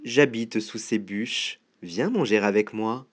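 A storyteller voicing a sly, hungry snake in a read-aloud storybook, speaking low and soft. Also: slow. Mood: sly, coaxing.

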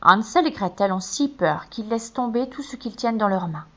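A woman reading a fairy tale aloud with expressive storytelling. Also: mid-range voice, a little fast. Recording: muffled, dull recording.

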